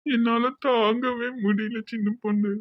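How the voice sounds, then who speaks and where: A man's voice: very high voice, level tone, unhurried, no echo, dull audio. A man voicing a distraught young village man with a Tirunelveli accent, talking in an anxious, pleading, tearful way in a cartoon. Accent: Tirunelveli Tamil.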